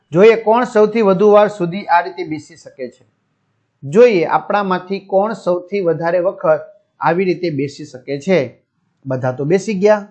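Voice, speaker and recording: High-voiced man teaching a lesson, lo-fi. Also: a little mellow. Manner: repeats each sentence in simpler words, checks in with pupils. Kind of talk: reading and explaining a school lesson. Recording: dull lo-fi sound.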